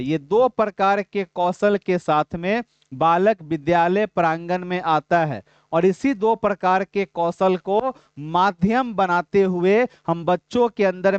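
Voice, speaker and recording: A male teacher with a high, clear voice runs a live online exam-prep class. He asks his viewers questions, answers them himself and calls out their names as replies come in. The sound is dry and a little dull. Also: no room sound.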